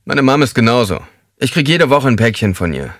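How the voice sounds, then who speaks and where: A man's voice: medium pitch, very animated, fairly quick, no room sound, clean studio sound, pitched above the performer's own voice. A man voicing a nervous male prison inmate who stutters, in an audiobook. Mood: wry, nervous. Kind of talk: audiobook character voice.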